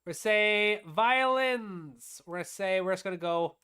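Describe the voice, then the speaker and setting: A woman's voice: medium pitch, moderate pace, fairly bright tone, clean tone. Woman explaining synth sounds step by step. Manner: explanatory, walks through steps as she demonstrates; asks and answers her own questions. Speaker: composer and music teacher. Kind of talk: live-streamed music production tutorial.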